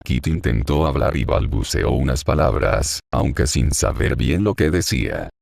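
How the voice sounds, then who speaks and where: A man narrating an audiobook chapter in a slow, measured reading. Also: rumbling low, animated, vocal fry, darkish tone, dry recording, clean studio sound. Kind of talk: scripted narration.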